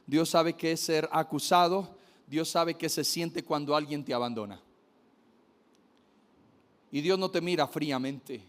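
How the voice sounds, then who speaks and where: A man's voice: a little high, measured pace, long pauses. A man preaching a sermon, emphatic, repeating key phrases and speaking straight to his listeners.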